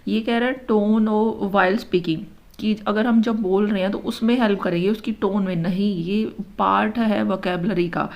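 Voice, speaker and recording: A woman teacher working through exam questions at an even, middle pitch. She reads each option slowly, then explains it step by step. The recording sounds dull and lo-fi. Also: creaky. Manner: explains step by step, mixing English terms into Hindi. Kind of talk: exam-prep lesson.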